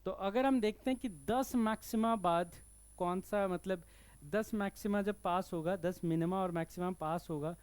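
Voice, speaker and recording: In an explanatory problem-solving lesson, a man with an Indian accent teaches physics in a fairly high, smooth, slightly mellow voice. He works step by step at a moderate pace, regularly checking in with the listener. The recording is close and dry, with no room sound.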